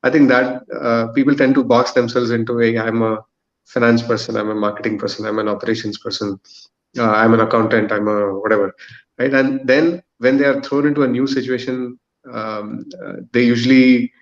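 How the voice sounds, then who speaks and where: A man in his thirties, guesting on a podcast, gives a thoughtful panel discussion answer in a structured way, hesitating often as he builds his point. His mid-range voice is fairly even in intonation and brisk. The audio is dull and lo-fi.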